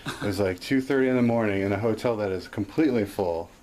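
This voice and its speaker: A man's voice: on the low side, fast, a little mellow, a little hiss or hum. A man co-hosting a casual chat, telling rambling stories full of restarts and fillers and laughing along. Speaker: podcast co-host and gigging musician. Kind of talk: casual conversational storytelling.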